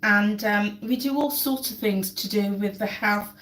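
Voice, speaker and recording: Cooking live in her home kitchen, a lifestyle channel host chats away and repeats words for emphasis, coughing as she shakes off a cold. Her mid-range voice is a bit bright and a little slow. The recording comes from a distant mic in an echoey kitchen.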